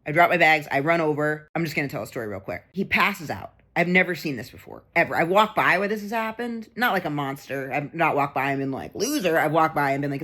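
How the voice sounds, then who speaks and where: A woman in her thirties, a comedian vlogger, telling a rambling, animated story in a casual vlog, acting out the voices of the people in it. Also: low voice.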